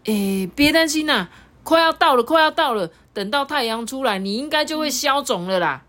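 A woman voicing an excitable young male sweet potato in a storybook, crying out loudly and drawing out her words. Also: high-pitched, voice pushed up. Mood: worried, comforting. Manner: loud, exclaiming, drawn-out cries.

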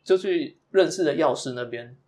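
A man's voice: a little high, lively intonation, moderate pace, a little mellow. A man, a father and podcast co-host, telling long stories in casual chat and acting out the lines of the people in them. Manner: long storytelling with many quoted lines.

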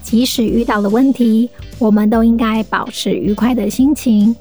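A woman with a Taiwanese Mandarin accent reads a children's story aloud in a gentle, explaining manner. Her voice sits fairly high but sounds mellow and warm. Faint music plays softly behind her. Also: fairly even intonation, moderate pace. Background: soft background music.

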